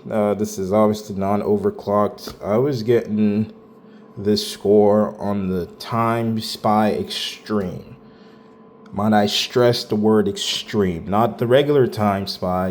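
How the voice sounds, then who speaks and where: A man talks through his benchmark numbers in a loose, rambling way, dropping slang and the odd curse. His voice sits fairly low, and he takes his time. A faint hiss runs under the recording. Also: darkish tone. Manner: laid-back, rambling, with slang and swearing. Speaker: tech channel host. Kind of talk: casual benchmark walkthrough.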